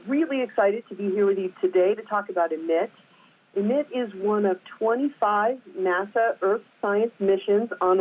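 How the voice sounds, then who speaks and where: A woman science director giving upbeat prepared remarks at a press briefing, with occasional fillers. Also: medium pitch. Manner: upbeat, lightly scripted with some fillers. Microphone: telephone. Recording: tinny phone line.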